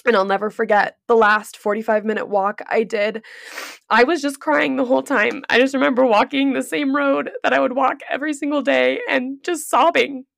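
A woman's voice: on the high side, gravelly, fairly bright tone, dry recording, studio quality. A woman co-hosting a podcast, telling a heartfelt personal story in a casual, emotional way. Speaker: podcast co-host.

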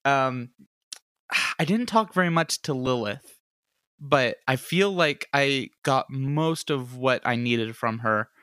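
A man playing a tabletop role-playing game, improvising casually and haltingly as he thinks aloud. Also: medium pitch, sharp tone, clear, resonant tone, no room sound, clean studio sound. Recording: background music.

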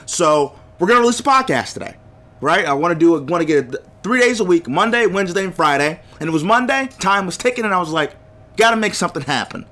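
A young man hosts his solo podcast in a high, lively voice that swings widely in pitch. His tone is bright and pointed, and he gets heated, hammering his points by repeating them. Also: fast. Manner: heated, emphatic, repeats phrases for punch. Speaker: podcast host. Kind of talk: solo sports podcast rant.

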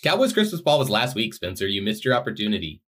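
Male podcast co-host, low voice, playful teasing banter. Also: very animated, fast, a bit bright. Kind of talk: casual chat.

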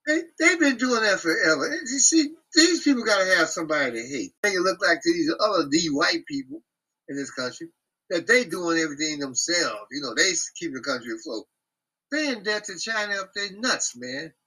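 A man hosting a casual group talk, speaking bluntly and profanely in an animated rant. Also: sits high, brisk, breathy edge, rough recording.

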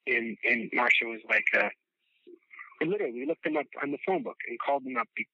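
A man in his thirties from the Chicago area, a podcast guest telling rambling, animated stories with casual swearing and laughter. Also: medium pitch, fast talker, no room sound. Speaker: podcast guest, former child actor. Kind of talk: casual storytelling chat. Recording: dull, dry lo-fi sound.

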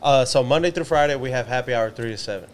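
A man with a mid-pitched voice in a casual interview. He is a business owner who talks in an easygoing, bro-heavy way. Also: fast. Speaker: restaurant owner being interviewed. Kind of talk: casual chat.

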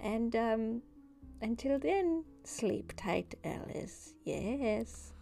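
A woman's voice: fairly high pitch, lively intonation, creaky, dark tone, faint music behind, full character voice. A woman doing a creepy coaxing dream spirit. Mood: sinister. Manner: slow, drawn-out, hissing "yes" after phrases.

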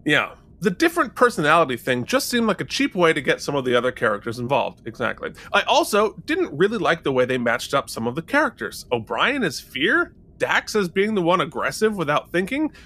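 Lively, bright-voiced jokey man. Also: on the high side, a little fast, hardly any pauses. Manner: animated and jokey, laughing often. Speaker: podcast co-host. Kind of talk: casual chat.

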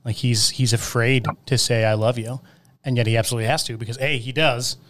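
A man's voice: mid-range voice, steady tone, a little fast, a bit bright. Male panelist, mid-range voice, thoughtful and explanatory in casual film talk. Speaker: podcast panelist. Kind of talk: casual movie discussion.

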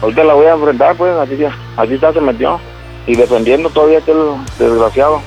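A man's voice: fairly high pitch, a little mellow, faint music behind. A Mexican man playing an upset husband in a prank phone call, hesitant and full of restarts. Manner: halting, hesitant, restarts a lot. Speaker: prank caller, radio host.

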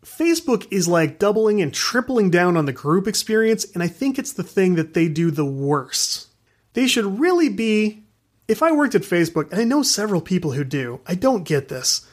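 A man's voice: sits high, normal speed. A man hosting a podcast in a casual monologue, ranting frankly, laughing often and swearing freely. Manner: animated, laughs while talking. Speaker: podcast host.

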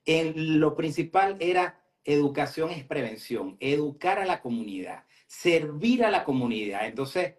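A man speaking earnestly as a guest in a live interview, steady and motivational. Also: fairly high pitch, measured pace, few pauses. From Venezuela. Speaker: guest entrepreneur.

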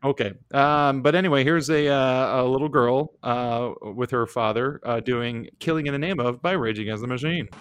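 A man's voice: mid-range voice, moderate pace, few pauses. A man hosting a casual comedy chat show, rambling and joking as he introduces news items. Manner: rambling, joking, frequent fillers. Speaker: show host.

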